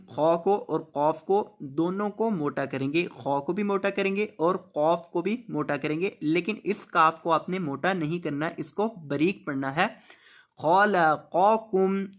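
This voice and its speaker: A man teaching Quran reading. He draws the verses out slowly, then explains the tajweed rules briskly and repeats each word. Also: on the high side. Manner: repeats words and asks rhetorical questions. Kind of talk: tajweed lesson, slow drawn-out recitation then quick explanation.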